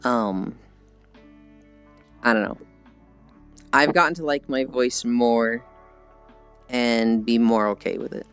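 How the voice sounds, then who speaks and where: This American livestreamer has a smooth, fairly bright voice at medium pitch, speaking slowly with long pauses. He rambles to his viewers, jokes at his own expense, and swears casually. The recording sounds slightly dull, with background music underneath.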